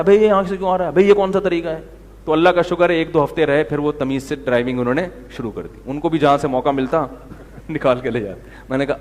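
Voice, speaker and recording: A man's voice: a little high, in a large hall. A man preaching a conversational sermon in Urdu with a Pakistani accent, telling anecdotes and acting out what people said. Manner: storytelling, acts out quotes with shifting voices. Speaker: Islamic preacher.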